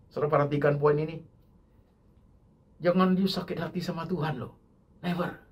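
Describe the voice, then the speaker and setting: An older man preaching a sermon as pastor, his voice husky, going from low murmurs to loud emphatic repeated lines and dropping in English words.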